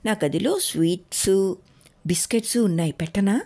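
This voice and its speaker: A woman's voice: medium pitch, normal speed, mellow, natural voice. A woman voicing a timid, innocent young boy who asks hesitant, wondering questions in a storybook reading.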